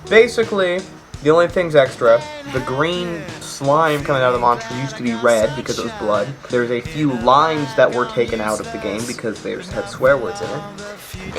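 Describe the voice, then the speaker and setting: A young man giving a casual, comedic video game review, sarcastic and jokey, ranting with mock outrage. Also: medium pitch.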